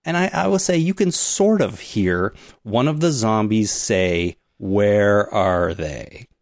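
A man's voice: mid-range voice, big pitch swings, unhurried, no room sound, clean studio sound. A man co-hosting a casual podcast, explaining things at length and giving spoiler warnings. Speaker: podcast co-host.

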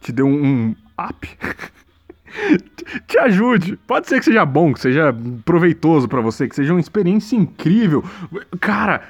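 A man giving a sarcastic, rambling casual monologue, mocking what he saw online and breaking into loud exaggerated bursts. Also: a little high, sing-song, husky, muffled recording. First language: Portuguese. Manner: mimics a slow dazed voice when quoting.

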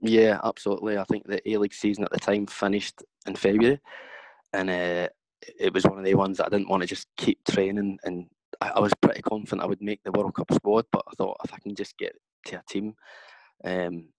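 A man's voice: sits low, flat delivery, brisk, a little mellow, no echo, poor audio. A man in his thirties with a broad Scottish accent, chatting casually as a former footballer being interviewed about his career. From Scotland.

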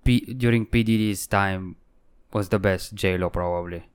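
A man co-hosting a podcast in casual chat, agreeable and quick to chime in. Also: low-pitched, steady tone, clean tone, dry recording, clean studio sound. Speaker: podcast co-host.

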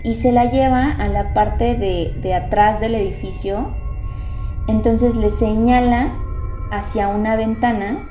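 A woman's voice: on the high side, fairly even intonation, unhurried, warm tone. A woman with a Mexican accent hosting a podcast, telling a ghost story and acting out the quotes. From Mexico City. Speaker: podcast host. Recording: echoey room with music behind.

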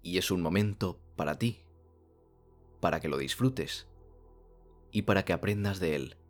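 A man from narrates a soothing guided sleep meditation like a bedtime story narrator, speaking calmly in slow phrases with long pauses. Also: sits low, soft background music.

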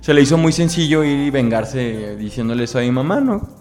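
A man's voice: mid-range voice, expressive, a little fast, darkish tone, soft background music. Candid young Mexican man telling his story. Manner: candid, emotional, fond of slang. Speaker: interviewee. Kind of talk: personal storytelling.

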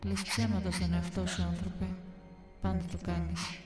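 A woman doing the wolf monster, loud and ominous, cryptic, faint music under it. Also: on the low side, level tone, roomy sound, recorded from a distance, natural voice. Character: menacing trapped wolf creature, male, cryptic and bitter.

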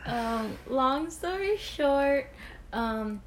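Slow-talking giggly teenage girl. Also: high-pitched, expressive, slight background noise. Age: teens. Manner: giggly, laughs often, a bit awkward. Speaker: podcast co-host. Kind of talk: casual podcast chat.

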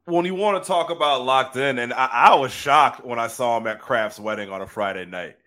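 Bright-sounding dude ranting about football, animated, swears a lot, laughs a bunch. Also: male voice, medium pitch, a little fast. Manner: animated, profane, laughs often. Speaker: sports podcast co-host. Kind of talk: casual sports banter.

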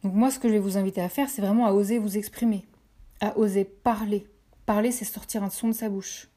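A French woman hosts a motivational podcast with a mellow, warm tone. She talks straight to her listeners, encouraging them and repeating key phrases for weight. Her pitch sits in an ordinary middle range. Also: steady tone, a little fast. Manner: addresses listeners directly. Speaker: podcast host.

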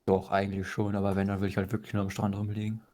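A young man with a fairly low voice chats casually on a podcast. He hesitates and stumbles but holds his ground. A faint noise sits under the recording. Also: completely flat delivery, very fast, a little mellow. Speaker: podcast co-host.

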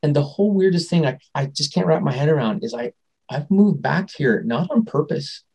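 A man being interviewed as a guest, telling a personal story in a rambling, animated way and often trailing off and restarting. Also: a little high, moderate pace, creaky, husky, low-quality recording. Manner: animated, acts out quoted dialogue.

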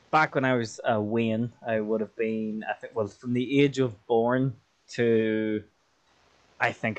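An Irish man in easy podcast banter, mid-pitched and relaxed. He laughs between lines and swears casually. His talk is loose, jokey and quick to tease. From Ireland. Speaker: podcast co-host. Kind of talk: casual chat.

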